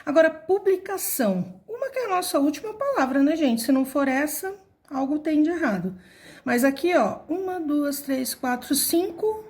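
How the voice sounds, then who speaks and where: A woman's voice: high voice, expressive, moderate pace, a little mellow. A woman teacher patiently explaining a word puzzle step by step, counting syllables and letters aloud.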